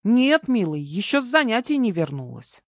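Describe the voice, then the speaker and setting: A woman's voice: fairly high pitch, big pitch swings, normal speed, no echo, clean studio sound, voice pushed up. A woman reading an audiobook voices a kind elderly woman who fusses and chatters, doting and worried. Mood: fussing. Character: kind, fussing elderly woman, a mother-in-law. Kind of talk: audiobook character voice.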